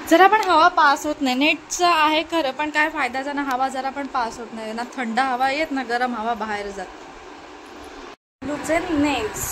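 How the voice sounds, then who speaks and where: A young woman with a Marathi accent, chatting casually to her viewers at home as she goes through her chores and coaxes her baby. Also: high-pitched. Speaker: vlogger, mother of a baby. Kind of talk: casual home vlog chat. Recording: noisy home phone recording.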